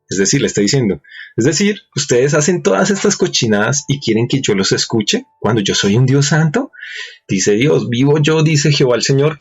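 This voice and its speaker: A man preaching a sermon, reading verses aloud and asking his listeners questions. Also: mid-range voice. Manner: asks rhetorical questions and reads verses aloud. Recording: dull lo-fi recording with faint music.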